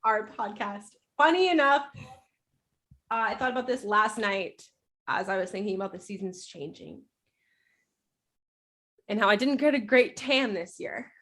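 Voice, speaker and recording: A woman's voice: medium pitch, expressive, measured pace, pauses often, a bit bright. A woman co-hosting a podcast, chatty and giggly in casual conversation. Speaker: podcast co-host. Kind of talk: casual chat.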